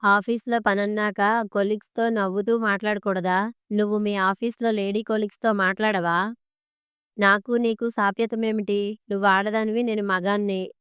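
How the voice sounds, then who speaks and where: A woman's voice: medium pitch, level tone, moderate pace, a bit bright, smooth, dry recording, clean studio sound. A woman with a Telugu accent narrating an audiobook story, reading every character's dialogue in her own voice.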